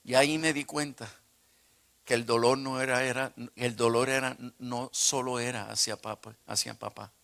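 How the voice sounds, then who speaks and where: A man pastor telling a personal testimony in a sermon, emotional and surging to loud bursts. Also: medium pitch, fairly even intonation, moderate pace, creaky. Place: retreat conference hall.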